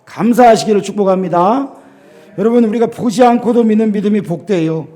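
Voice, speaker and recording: A middle-aged man preaching a sermon as a pastor in a church, emphatic, with rhetorical questions to the congregation and sudden drops to a quiet voice. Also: fairly quick. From South Korea. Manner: swings between loud emphasis and low, quiet lines.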